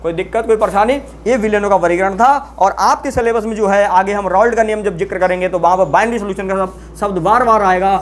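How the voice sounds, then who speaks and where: A chemistry teacher giving a classroom-style lecture, often asking the students questions and then answering them, and repeating key terms slowly for emphasis. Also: mid-range voice.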